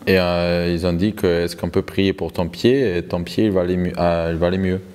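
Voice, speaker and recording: A man with a low, smooth, somewhat dark voice interprets a testimony live, speaking a little fast at a steady pitch. He hesitates, repeating and rewording phrases as he goes. The recording has a long hall reverb.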